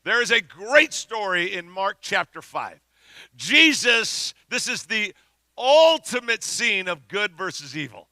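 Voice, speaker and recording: A middle-aged pastor delivers a sermon full of lively storytelling in a high, gravelly voice with a sharply bright tone, now and then rising to a shout. He speaks slowly, and the recording is dry and close with no echo.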